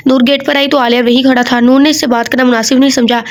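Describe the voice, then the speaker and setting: A woman's voice: high voice, level tone, quick pace. A woman reading a romance novel aloud as narrator, with slips she corrects and casual joking asides.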